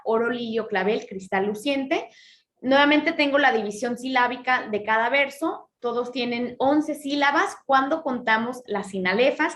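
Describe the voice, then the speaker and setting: A woman teaching Spanish literature, explaining step by step, checking in with her students often, and reading verse slowly when she counts syllables. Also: fairly high pitch, fairly bright tone. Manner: reads verse lines slowly, drawing out syllables. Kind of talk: lesson on poetry.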